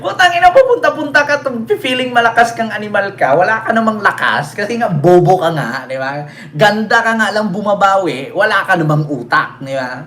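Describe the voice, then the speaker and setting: A man's voice: high voice, expressive, brisk, fairly bright tone, roomy sound, a little hiss or hum. A man giving mocking, crude political commentary to his viewers, laughing often and teasing.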